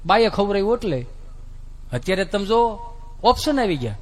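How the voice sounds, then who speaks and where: A man's voice: high voice, very animated, moderate pace. A man, telling folksy stand-up stories and mimicking relatives and children. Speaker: stand-up comedian.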